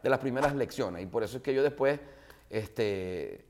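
A man's voice: medium pitch, normal speed, slight background noise. Joking Maracaibo-accented man telling anecdotes. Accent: Maracaibo Venezuelan Spanish. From Zulia, Venezuela. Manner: animated, jokey anecdotes with many fillers. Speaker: interview guest, broadcaster. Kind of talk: casual storytelling interview.

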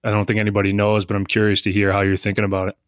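A man's voice: lowish voice, monotone, racing, dry recording, clean studio sound. A man hosting a podcast, asking loose, casual questions. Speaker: podcast host. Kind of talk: interviewing.

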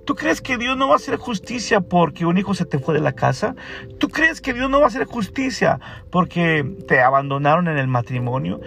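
A man's voice: sits high, very animated, brisk, creaky, fairly bright tone. A man in his forties with a Mexican Spanish accent, preaching an emphatic radio sermon that repeats phrases and puts direct questions to the listeners. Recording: faint music behind the voice.

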